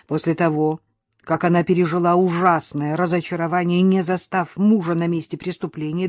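Low-voiced woman reading an audiobook. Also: a little mellow, no echo, clean studio sound. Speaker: audiobook reader. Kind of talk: scripted narration.

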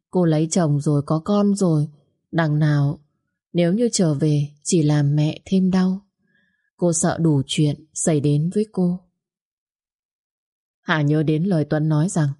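Brief: woman narrator, steady scripted storytelling, low and mellow.

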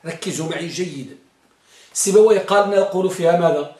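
A man's voice: sits high, brisk, a little mellow, echoey room. A man teaching Arabic grammar. He quizzes his students and stretches out words to drive a point home. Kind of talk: Arabic grammar lesson with question-and-answer drill.

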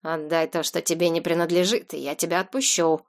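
A woman voicing a stooped, menacing man with a creaky, grating voice. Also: deep voice, fairly even intonation, a little fast, voice pushed down.

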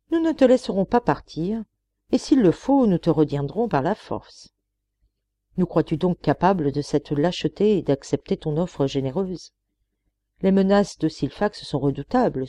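A woman's voice: on the low side, mellow, no room sound. A woman reading the part of an authoritative older man in an audiobook, firm and reassuring.

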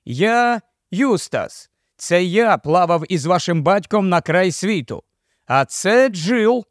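A man playing an earnest schoolboy, slow and lifted in pitch. His lines come plain and sincere in a dry storybook reading. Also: sing-song, dry recording, full character voice.

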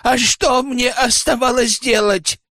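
A bitter, scheming village outcast, as a man reads him, sullen and full of self-pity. His lines swing up and down in pitch through a dry, close audiobook reading. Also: big pitch swings, a little slow, a bit bright, husky, no echo, heavily acted. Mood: desperate. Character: resentful scheming male village outsider.

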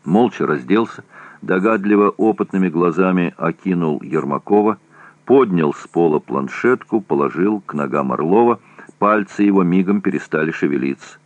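A man narrating a war novel in a steady, even reading. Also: sits low, moderate pace, no echo. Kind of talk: audiobook reading of war prose.

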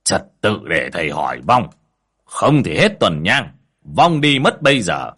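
A man's voice: low voice, big pitch swings, a little slow, fairly bright tone, exaggerated voice. A man voicing a stern old male exorcist, commanding and impatient. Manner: commanding, scolding.

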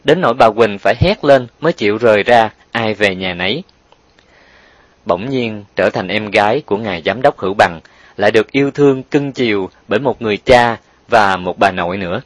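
A man narrating an audiobook in an even, sentimental storytelling way. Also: lowish voice, fairly quick, no room sound.

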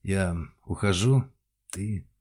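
Man doing a calm soft-spoken middle-aged man, deep and husky. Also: takes it slowly, heavily acted.

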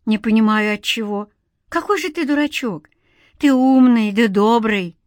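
A woman's voice: fairly high pitch, a little slow, no room sound, studio quality, lightly acted. A woman voicing a playful, affectionate young woman in an audiobook. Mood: coaxing. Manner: teasing, coaxing. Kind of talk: audiobook character voice.

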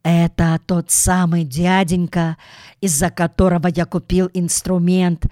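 A woman's voice: on the low side, little pitch movement, unhurried, mellow, no echo, clean studio sound, close to an everyday voice. A woman voicing a small, polite male bear cub who is earnest and apologetic in a storybook reading. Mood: whispering eagerly.

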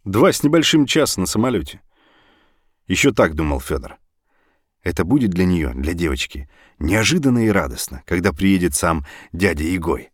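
A man narrating an audiobook story in an expressive, animated reading. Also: sits low, moderate pace, no echo, clean studio sound.

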